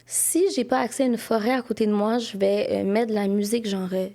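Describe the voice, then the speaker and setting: A woman's voice: mid-range voice, steady tone, fairly quick, mellow. A young woman with a Quebec French accent, chatting casually as a podcast guest and filling her speech with little asides. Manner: chatty, lots of fillers like "là" and "tu sais". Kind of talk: casual interview chat.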